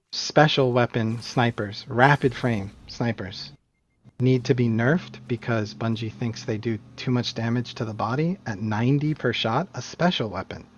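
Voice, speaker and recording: A man's voice: mid-range voice, muffled recording. A man answering interview questions in a casual, emphatic way, often restarting his sentences. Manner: animated, emphatic opinions with frequent restarts. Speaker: guest, competitive game player.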